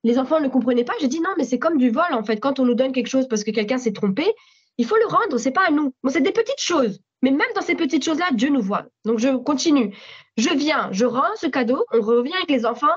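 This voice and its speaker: A woman with a French accent giving a spontaneous spoken testimony at a church meeting, animated storytelling with frequent restarts. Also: high-pitched, brisk, slightly rough. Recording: slightly dull audio recording.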